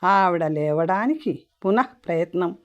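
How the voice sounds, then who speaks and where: Female audiobook narrator, lowish voice, plain storyteller delivery, muffled lo-fi recording. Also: animated, a little slow. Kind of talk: storybook reading. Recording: dull lo-fi audio.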